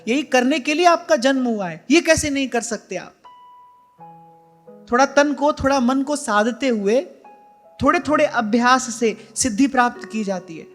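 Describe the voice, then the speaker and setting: Addressing his listeners directly as "brother," a spiritual teacher gives an earnest devotional talk in an ashram hall, repeating key phrases to stress them. His voice is very high and a bit bright.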